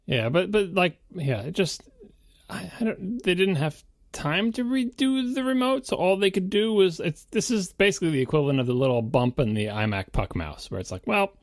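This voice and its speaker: A man of middle pitch tells snarky podcast stories, often leaping high for emphasis. The sound is dry and close, with no room around him. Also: moderate pace, dry recording. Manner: animated, snarky storytelling with sudden high jumps. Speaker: podcast co-host. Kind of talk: casual tech podcast chat.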